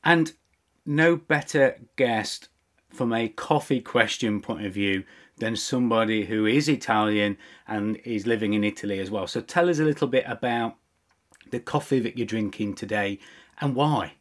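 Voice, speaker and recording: A man's voice: on the low side, moderate pace. A man hosting a business podcast, introducing his guest with upbeat, self-deprecating asides. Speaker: podcast host.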